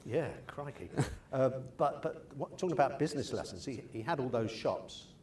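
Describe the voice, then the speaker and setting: A man's voice: mid-range voice, animated, moderate pace, a little mellow, a little hiss or hum. A man hosting an interview, chatty and joking, asking his guest about his family and upbringing. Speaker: host. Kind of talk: casual interview.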